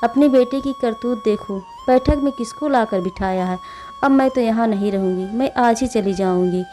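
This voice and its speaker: A woman voicing a jealous, quick-tempered young wife who complains and accuses. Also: fairly high pitch, dark tone, soft background music, close to an everyday voice. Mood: upset.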